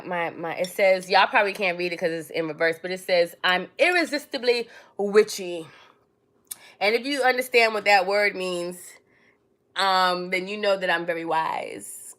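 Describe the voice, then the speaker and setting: Born in Trinidad and raised in New York City, a woman hosts her own livestream, chatting casually with viewers and calling them darling and baby. Her voice is lowish with a fairly bright tone.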